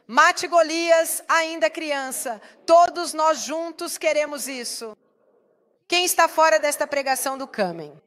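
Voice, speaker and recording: A woman's voice: high-pitched, a little slow, fairly bright tone. A woman pastor preaching a sermon, emphatic and putting rhetorical questions to the congregation.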